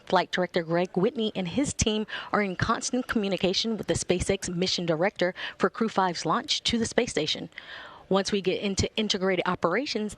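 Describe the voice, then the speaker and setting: A woman delivering scripted live commentary as a mission control broadcaster. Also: on the low side.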